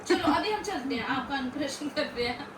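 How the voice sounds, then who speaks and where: A woman in casual family chat, gently telling a baby no over and over. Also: high voice, expressive, fairly quick. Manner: gently scolds a baby, repeating soft refusals. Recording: echoey distant room with loud background noise.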